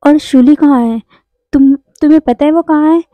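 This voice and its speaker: A woman's voice: high-pitched, dry recording, narrow, tinny audio, voice pushed up, natural voice. Impulsive young man, as a woman reads him. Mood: teasing. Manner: pleading, quick-tempered. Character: impulsive young man searching for a loved one.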